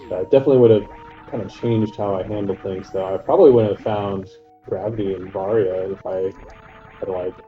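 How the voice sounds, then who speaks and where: Here the guest player on a race stream talks briskly in a fairly low, steady voice, though his chat stays laid-back and rambling, loaded with fillers. Because he's far from his mic on a voice call, he sounds echoey and distant, muffled like he's behind a wall, with faint music playing.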